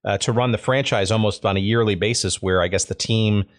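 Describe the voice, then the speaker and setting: A man's voice: on the low side, steady tone, fairly quick. A man hosting a podcast interview, asking questions hesitantly with many uhs and restarts. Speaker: podcast host. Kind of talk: interview conversation.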